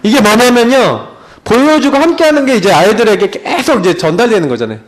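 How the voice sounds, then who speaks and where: Lively high-voiced male pastor. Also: brisk. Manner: conversational, asks the congregation rhetorical questions. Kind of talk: sermon with personal stories.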